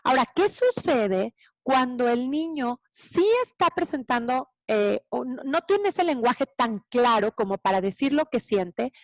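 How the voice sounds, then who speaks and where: A woman teacher gives an animated parenting talk, acting out children's voices. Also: on the high side, measured pace, no echo.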